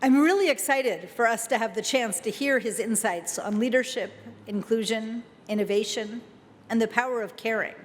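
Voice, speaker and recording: A woman hosting an event, giving an enthusiastic, formal introduction of the keynote speaker. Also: normal speed. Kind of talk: prepared introduction. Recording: reverberant hall, faint rumble.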